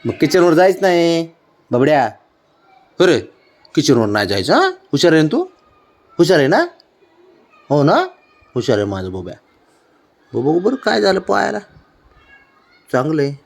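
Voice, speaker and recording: A man's voice: a little high, very animated, normal speed, gravelly, pauses often. A man chatting to his pet cat in a coaxing, teasing way, repeating questions and chuckling often. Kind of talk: casual baby-talk to a pet.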